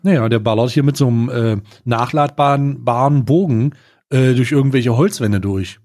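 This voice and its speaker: A male podcast co-host chats casually with dry, wry humor. His voice is mid-range with a darkish tone, and he speaks at a normal speed.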